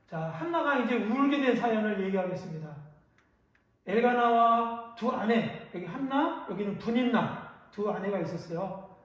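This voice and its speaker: A male pastor giving a children's sermon, telling a story with lively questions to the listeners. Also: sits high, normal speed. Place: church hall. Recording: echoey hall, from a distance.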